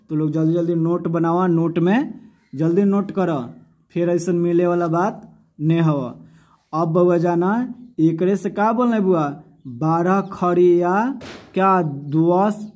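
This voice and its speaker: A man's voice: fairly high pitch, a little mellow. A man teaching a grammar lesson, explaining by asking his own questions and repeating each term. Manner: mixes Hindi with a Bhojpuri-like dialect, calls pupils "bauaa".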